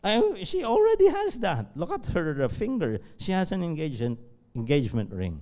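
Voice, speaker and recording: A man's voice: on the high side, huge pitch swings, normal speed, a little mellow. A man voicing a hesitant, earnest young American groom in a sermon anecdote. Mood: insistent. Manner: hesitant, stumbling.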